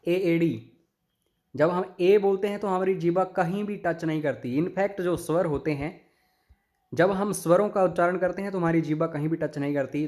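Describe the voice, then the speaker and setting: A man's voice: on the high side, a little mellow. A young man teaching an exam-prep grammar lesson, explaining each answer step by step and addressing viewers as friends.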